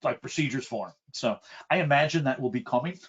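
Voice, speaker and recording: Man, mid pitch, halting and repetitive, dull lo-fi call sound. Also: husky. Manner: halting, repeats words while thinking. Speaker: coffee roasting expert. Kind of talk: casual expert answer.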